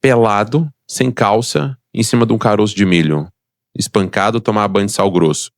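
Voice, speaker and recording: A man's voice: lowish voice, normal speed, dry recording, studio quality. A middle-aged man with a Brazilian Portuguese accent, a podcast guest telling his life story in an emphatic, motivational way and acting out the voices of people in it. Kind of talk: personal storytelling in a podcast interview.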